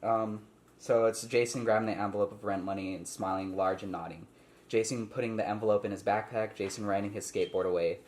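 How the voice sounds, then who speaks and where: The echoey, faintly noisy room holds a man leading a casual table read, reading stage directions and explaining informally with asides. His voice is on the low side and darkish, with a steady tone and a slightly quick pace.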